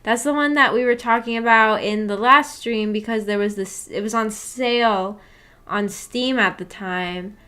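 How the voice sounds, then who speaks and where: The host of a visual novel book club livestream speaks at a measured pace in a fairly high voice that is sharp, clear and resonant. She chats casually and reads out viewer comments with giggly, rambling self-deprecation.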